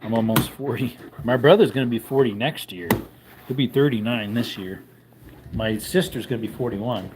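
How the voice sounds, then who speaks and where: The recording is very noisy as a livestream host in his thirties talks at a moderate pace from his man cave at home. He rambles casually, reads out what viewers comment, and calls his dog in high baby-talk.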